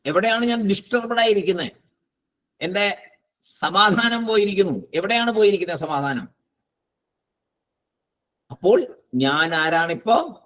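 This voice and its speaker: A man teaching a philosophy class, slow and deliberate, posing rhetorical questions and answering them himself. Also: on the high side, fairly bright tone, poor audio. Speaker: spiritual teacher. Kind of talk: Vedanta philosophy class lecture.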